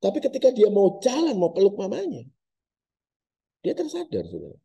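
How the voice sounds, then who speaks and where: A man's voice: sits high, huge pitch swings, moderate pace, vocal fry, mellow, breathy edge. A male pastor preaching a sermon, telling a story dramatically and addressing his congregation directly. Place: church service.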